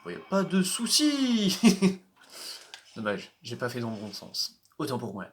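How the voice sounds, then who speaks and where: A man's voice: mid-range voice, huge pitch swings, a little slow, a little hiss or hum. A man giving casual, hesitant commentary while playing a racing game, often restarting his sentences and chuckling. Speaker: gaming video host.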